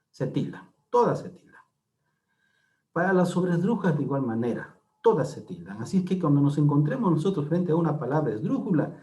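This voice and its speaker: Mellow-voiced man teaching a lesson. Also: on the high side. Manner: repeats key words with frequent "¿no?" tags. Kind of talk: classroom lecture explaining slides.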